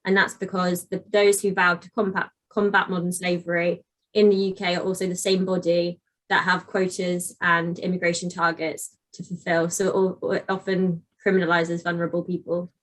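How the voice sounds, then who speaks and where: A woman's voice: on the low side, little pitch movement, normal speed, a bit bright. A woman speaking on a panel, thoughtful and often restarting her sentences. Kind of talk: panel discussion.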